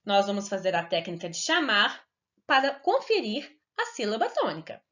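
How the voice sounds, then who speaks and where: Woman teaching children, lively and sing-song. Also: medium pitch. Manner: slow, clear and sing-song, stretching words to stress syllables. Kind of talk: recorded lesson for children. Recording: dull lo-fi recording.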